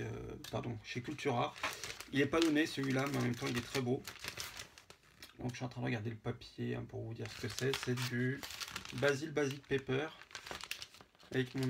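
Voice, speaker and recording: Creaky-voiced man, chatty and halting. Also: medium pitch, noisy background. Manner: hesitant, many fillers, chatty asides to viewers. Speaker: scrapbooking vlogger. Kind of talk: casual show-and-tell.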